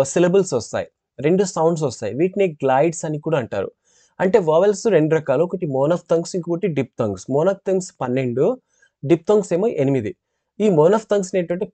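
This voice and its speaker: A man with a Telugu accent lectures on phonetics in a classroom style. His voice sits a little high yet sounds mellow. The recording is dry and close, and he repeats each sample sound slowly and carefully. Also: no room sound. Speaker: English teacher.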